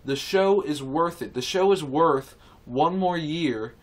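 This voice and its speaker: Taking his time, a man with a fairly high voice vents to camera in a casual vlog. The opinion rant is indignant but earnest, full of rambling, repetition, and frequent restarts.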